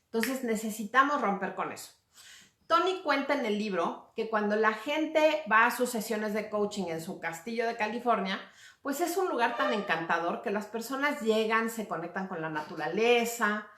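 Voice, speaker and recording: A woman's voice: fairly high pitch, expressive, moderate pace, fairly bright tone. A woman gives a casual talk as a communication coach, speaking conversationally and checking in with little tag questions. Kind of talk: casual lecture to viewers. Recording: roomy echo.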